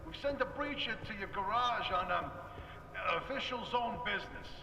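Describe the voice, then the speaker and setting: A man's voice: sits high, animated, normal speed, gravelly, sharp tone, reverberant, big-room sound, recorded from a distance, slight background noise, exaggerated voice, rough recording. An actor playing a hesitant, officious male official who speaks over a broadcast channel.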